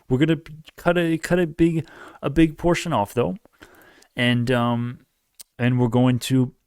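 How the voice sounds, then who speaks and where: A man's voice: medium pitch, a little mellow, clear, resonant tone, no echo, studio quality. A man in his late teens rambling through an opinionated political rant, often restarting and correcting himself. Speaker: YouTube commentator. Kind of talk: casual political rant to camera.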